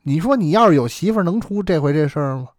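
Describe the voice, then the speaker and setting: A man's voice: a little high, animated, fast, no echo, clean studio sound, lightly acted. A man voicing a kindly elderly neighbor, talking earnestly and fatherly in a storytelling performance. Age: older. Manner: earnest, self-reproaching, fatherly.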